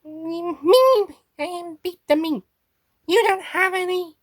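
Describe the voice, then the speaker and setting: A woman voicing a small, cutesy, scheming alien creature in a squeaky, theatrical, wheedling voice for a fan parody. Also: takes it slowly, no room sound, studio quality. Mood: petulant. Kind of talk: fan parody character voice recording.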